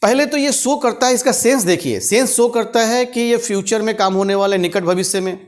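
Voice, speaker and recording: A man teaching spoken grammar, slowly repeating example sentences word by word. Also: sits high. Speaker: English teacher. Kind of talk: spoken English lesson explaining grammar.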